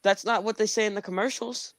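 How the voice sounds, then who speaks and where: A man's voice: high-pitched, steady tone, fast, fairly bright tone. An American man in casual chat, defending himself as his friends tease him. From United States. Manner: defensive, arguing his point.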